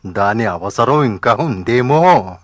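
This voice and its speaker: Slow, stern old saint. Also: male voice, dry recording, clean studio sound, full character voice. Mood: calm, commanding. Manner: slow, lively pitch, bursts into angry shouts. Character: stern commanding old male saint, quick to anger. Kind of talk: devotional drama dialogue.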